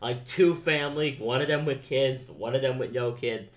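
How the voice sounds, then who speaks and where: A man's voice: mid-range voice, moderate pace. A young man giving a casual movie review, rambling and saying "like" a lot. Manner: rambling, heavy use of "like".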